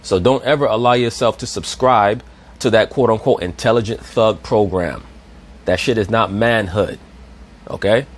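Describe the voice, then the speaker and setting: A man with a fairly low voice speaks at a moderate pace. He's an online commentator delivering a preachy monologue, calling his listeners brothers and posing rhetorical questions.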